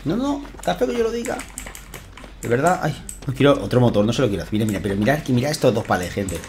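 A man streaming a game live with a Spain Spanish accent, chatty and prone to swearing. His pitch leaps and swoops all over as he reacts. It is a mid-pitched voice, neither high nor low. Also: quick pace, slight background noise. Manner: excitable, chatty, swears, thanks viewers. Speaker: gaming streamer. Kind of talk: live gameplay commentary.

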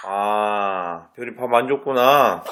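A man, the owner of a pet parrot, talking to it in casual, coaxing baby talk and gently scolding it. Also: fairly low pitch, slow pace, noisy background. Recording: loud background music over voice.

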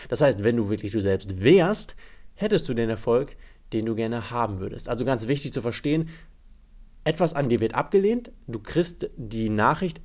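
A man's voice: medium pitch, a little mellow. A young man working as a dating coach, giving an emphatic explainer lesson that speaks straight to the viewer. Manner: upbeat and emphatic, addresses the viewer directly.

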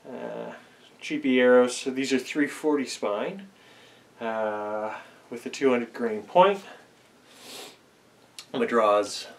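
A young archery vlogger with a mid-range voice rambles to the camera in a casual musing vlog, full of ums and self-deprecation. He's in a small indoor basement archery range, moving and shooting a few meters from the camera mic, which picks up faint noise.

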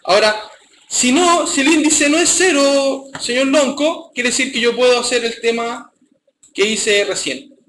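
A man's voice: very high-pitched, measured pace, a bit bright, echoey room, slight background noise, poor audio. A man with a Chilean accent teaching a live programming class, often checking in with his students as he goes.

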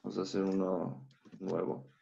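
A man teaching a live Hebrew class online, walking students through software on a shared screen and thinking aloud as he goes. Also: sits low, completely flat delivery, creaky. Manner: unhurried, thinks aloud with fillers. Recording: slightly dull lo-fi audio.

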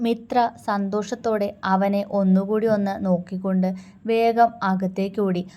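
A woman's voice: medium pitch, a little mellow. A woman steadily reading a romance story aloud as its narrator.

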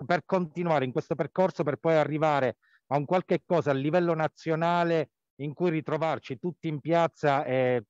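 Man, over the phone, muffled lo-fi line, fairly high-pitched, outdoor rally, halting with fillers. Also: darkish tone, no room sound. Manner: halting, many fillers and restarts. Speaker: health care worker and committee activist. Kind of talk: live report at a rally. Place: outdoor town square. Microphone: mobile phone.

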